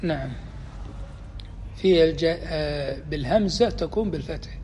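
A man teaching a religious lesson, explaining deliberately and quizzing his students as he goes. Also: fairly high pitch, a little mellow, slight background noise. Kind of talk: explanatory lecture. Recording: long reverb, faint ambience.

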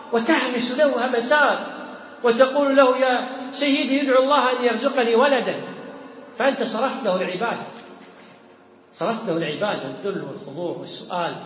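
A man giving a religious lesson on a text, animated and firing rhetorical questions at his students. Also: very high-pitched, a little hiss or hum. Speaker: religious teacher. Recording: echoey hall, dull audio.

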